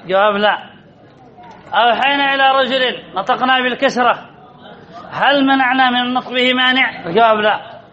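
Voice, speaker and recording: A male grammar teacher giving a classroom lesson, repeating key phrases and quizzing his students with drawn-out words. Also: very high-pitched, lo-fi sound.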